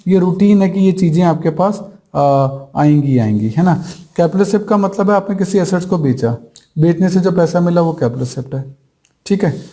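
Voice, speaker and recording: Mellow-voiced male teacher, rhetorical. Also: fairly high pitch. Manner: explains step by step, asks rhetorical questions and answers them; mixes English terms into Hindi. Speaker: commerce teacher. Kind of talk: exam-prep accounting lecture.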